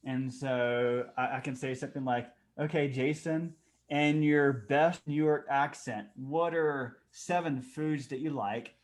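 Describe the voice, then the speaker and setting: A man leads an online improv workshop over a video call. He talks at a middle pitch in a casual, halting way, restarting sentences and filling pauses as he explains. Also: fairly even intonation. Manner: halting, with many fillers and restarts. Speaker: workshop facilitator.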